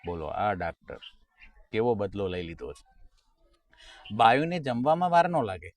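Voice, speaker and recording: A man's voice: on the low side, animated. A man, a folk stand-up comedian who tells jokes and acts out his characters' lines. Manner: storytelling, acting out characters' lines; sings short folk song lines slowly.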